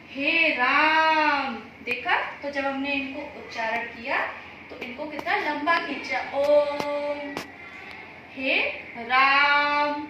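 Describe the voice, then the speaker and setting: Woman teacher, children's grammar lesson, unhurried speech, asks the class then answers, faint noise, recorded from a distance. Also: sits high, sharp tone, heavy reverb. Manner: slow, drawn-out sounding of vowels and syllables; asks the class questions and answers them herself.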